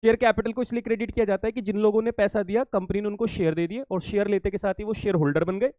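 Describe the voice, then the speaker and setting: A man's voice: on the high side, no room sound, phone-quality sound. A male accountancy teacher giving an exam-prep lesson to students, repeating key points, checking that they follow and calling them kids.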